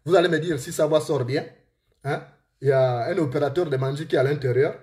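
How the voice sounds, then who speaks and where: Gabonese man telling a story lively. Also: fairly high pitch, brisk. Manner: lively storyteller addressing listeners directly. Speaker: author. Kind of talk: storytelling and reading from his book.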